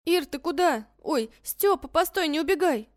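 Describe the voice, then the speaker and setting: A man's voice: extremely high pitch, lively intonation, moderate pace, no echo, clean studio sound, voice pushed up. A man voicing a protective, feisty teenage sister in an audiobook, coaxing and bossy by turns. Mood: stern. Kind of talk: audiobook character voice.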